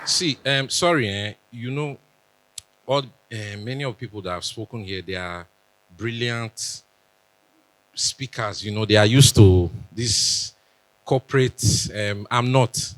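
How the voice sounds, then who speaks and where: A man's voice: lowish voice, unhurried, fairly bright tone. A young Nigerian man with a Benin accent gives a chatty conference talk, joking and dropping into pidgin asides. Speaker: conference speaker. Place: conference stage.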